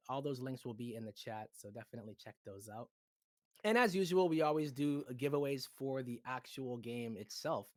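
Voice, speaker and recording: An upbeat, chatty man hosting a casual livestream chat with a guest. He teases and talks easily, his voice at a middle pitch. The sound is dry and close, with no room around it. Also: no echo. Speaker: community host.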